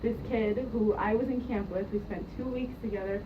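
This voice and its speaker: A young woman who grew up in Jerusalem, now a youth program staff member, recalls her story in an interview, sounding hesitant and casual with many ums and restarts. Her mid-range voice is fairly quick with fairly even intonation, captured on a distant, muffled, noisy mic.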